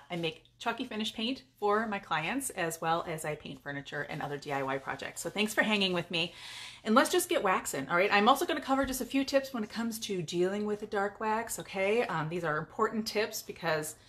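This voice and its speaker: A chatty, upbeat middle-aged woman from California talks her viewers through a live demonstration. Her pitch sits in an ordinary middle range, and the delivery is casual and friendly. She is recording in her home garage. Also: fairly bright tone. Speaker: furniture painter and paint business owner.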